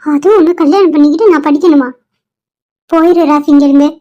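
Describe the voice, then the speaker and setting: Very high flustered young cartoon woman, woman voicing, muffled lo-fi sound. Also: a little fast, mellow, lightly acted. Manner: pleading, flustered. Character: troubled young village woman facing an unwanted marriage. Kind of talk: dubbed cartoon dialogue. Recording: dull lo-fi recording.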